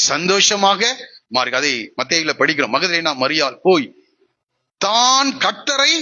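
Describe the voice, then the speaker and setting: A pastor preaching a sermon, asking the congregation questions and answering them himself. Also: male voice, a little high, sharp tone, muffled recording.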